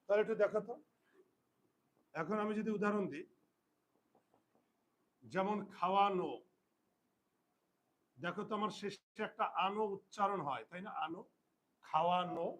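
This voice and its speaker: A male teacher talks students through spelling rules in a fairly high voice. He dictates each rule slowly, repeats it, and stops to ask whether the class follows. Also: fairly bright tone, rough recording. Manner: asks students checking questions. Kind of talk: Bengali grammar lesson.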